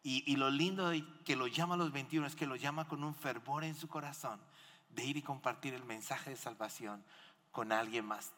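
Speaking with a sharp tone at medium pitch and a moderate pace, a pastor hosts a missions guest in a big indoor church. He animatedly interviews and preaches, urging the congregation on and questioning them, while the hall's long reverb echoes around him.

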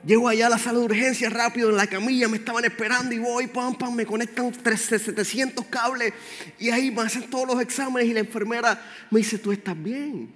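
A man's voice: very high-pitched, flat delivery, fast talker, a bit bright. A man preaching a sermon, speaking directly and with animation to his congregation. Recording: roomy hall with faint music.

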